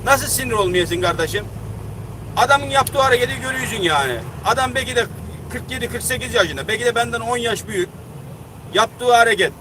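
A man's voice: very high-pitched, lively intonation, brisk. A man in his thirties, a long-haul truck driver, telling an angry story in a casual vlog, heated and indignant, acting out both sides of a quarrel. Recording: noisy roadside traffic. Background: vehicles and outdoor traffic.

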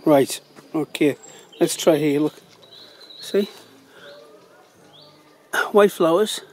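A middle-aged man walks and talks through a casual foraging demo in woodland, digging and pointing things out for a handheld phone camera. His voice is on the high side and darkish, and he draws his words out.

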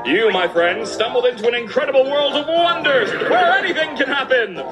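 High-pitched, swooping cartoon ringmaster. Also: male voice, animated, a little fast. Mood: theatrical, chiding. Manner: booming theatrical ringmaster patter. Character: flamboyant, bombastic cartoon ringmaster, cheerful and showy. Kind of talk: animated cartoon acting. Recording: cartoon playback with music and crowd sounds.

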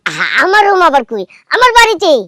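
A woman's voice: extremely high pitch, huge pitch swings, sharp tone, no room sound, studio quality, heavily acted. A woman acting a brash young man who wheedles and presses impatiently, in a comedy play. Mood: pushy. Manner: wheedling, impatient, drawn-out "aha".

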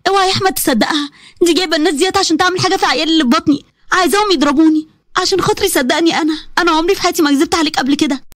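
Woman playing a frightened young Egyptian wife, pleading, her high voice climbing higher in panic. She talks very fast, and the sound is dry. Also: a bit bright, no echo. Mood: defiant. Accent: Egyptian Arabic.

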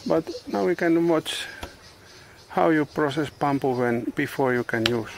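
A middle-aged man, not a native English speaker, vlogging outdoors on a tropical farm. His English is halting, with many pauses and uh's, and the camera is held at arm's length. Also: fairly high pitch, gravelly, noisy background. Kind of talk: casual vlog narration. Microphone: handheld camera selfie and tripod camera.

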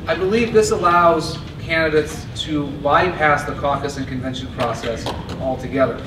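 A man giving a steady, earnest convention stump speech at a podium microphone. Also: on the high side, normal speed. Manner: earnest, steady delivery with occasional restarts. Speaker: party chair candidate. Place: large convention hall, indoors. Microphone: podium mic on stand. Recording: echoey hall from a far camera with noise.

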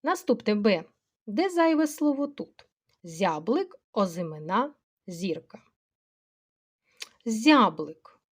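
With a sing-song lilt at medium pitch, this middle-aged teacher, whose accent is Ukrainian, addresses schoolchildren directly. She takes them slowly through a grammar lesson one step at a time.

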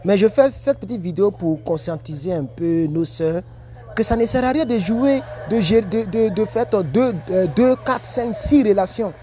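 Man, high voice, animated and preachy, faint music behind. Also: moderate pace. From Ivory Coast. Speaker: vlogger reacting to comments. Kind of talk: casual commentary. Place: at work on a break.

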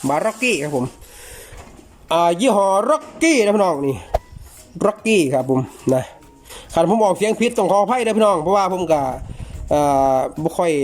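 Chatty Isan-accented man, somewhat high voice. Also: darkish tone. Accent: Isan (Northeastern Thai). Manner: chatty, joking, talks to viewers as brothers and sisters. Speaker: chainsaw repairman and reviewer. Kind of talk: casual product unboxing review.

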